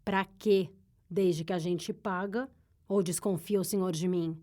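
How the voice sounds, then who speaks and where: A woman's voice: on the low side, steady tone, a little slow, dark tone, lightly acted. A woman voicing a brash, defensive male rider in a blustering, raised voice.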